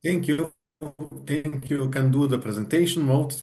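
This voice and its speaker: A man moderating a conference on a video call, introducing the next presenter with halting uhs. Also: medium pitch, mellow, slight background noise. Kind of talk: introducing speakers.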